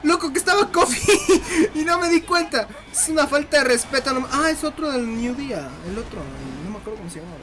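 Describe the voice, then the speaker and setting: A man giving casual gameplay commentary, excitable, laughing often and shrieking when hit. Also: very high-pitched, fairly quick, hardly any pauses. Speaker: gaming commentator.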